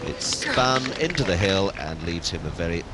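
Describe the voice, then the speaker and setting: A man's voice: animated, moderate pace. A man giving golf commentary on a televised match, wryly savouring each shot with colourful phrasing. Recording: very noisy outdoor broadcast, wind and traffic-like rumble. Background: outdoor golf course ambience.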